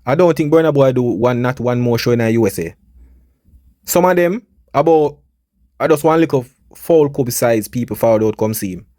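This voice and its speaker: A man's voice: mid-range voice, lively intonation, normal speed, mellow, no echo, studio quality. A man with a Jamaican accent giving casual, emphatic commentary on entertainment news and speaking straight to his viewers. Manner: conversational, emphatic, addresses viewers directly.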